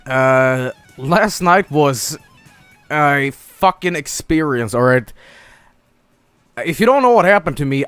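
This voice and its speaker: A man's voice: fairly high pitch, fairly bright tone, smooth, no room sound. A young man streamer telling a story casually to his viewers, exasperated and swearing, acting out his own panicked lines. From Sweden.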